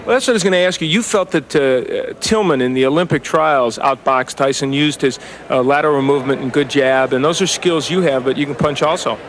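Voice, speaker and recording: A man's voice: mid-range voice, brisk, a bit bright. A man working as a boxing analyst, with a sports broadcast commentary delivery.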